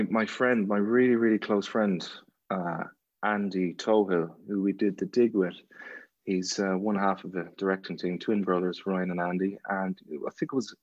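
A man with an Irish accent, an actor talking in a relaxed podcast interview, rambling with many restarts and fillers. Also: on the low side, no echo, muffled recording. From Ireland. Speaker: actor guest.

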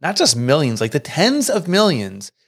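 His pitch swoops wildly and jumps up when he quotes people, as this middle-aged author and entrepreneur recounts a personal story in an interview. Earnest and emotional, he talks at a moderate pace in a husky, slightly bright voice.

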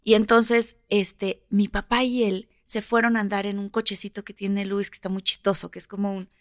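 Mujer mexicana que cuenta historias con voz seca. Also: female voice, mid-range voice, normal speed, no room sound, studio quality. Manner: lively, animated storyteller. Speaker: podcast guest. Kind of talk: casual storytelling chat.

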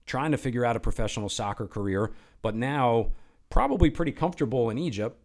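A man's voice: medium pitch, lively intonation, fast. Sports podcast host, male, loose and chatty, restarts mid-question. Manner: conversational, rambling questions with restarts. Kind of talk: casual interview questions.

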